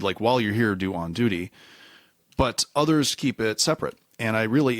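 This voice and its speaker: A man's voice: on the low side, dry recording, clean studio sound. A man speaking as a guest on a technical podcast, talking in a discursive, self-correcting way and sometimes acting out quotes. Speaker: podcast guest, reliability engineer. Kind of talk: casual conversational interview.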